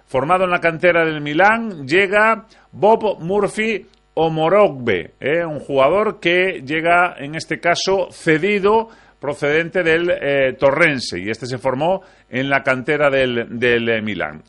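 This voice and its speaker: A man's voice: fairly high pitch, fairly bright tone. A man presenting a sports news bulletin, with frequent fillers and restarts as he reads out names.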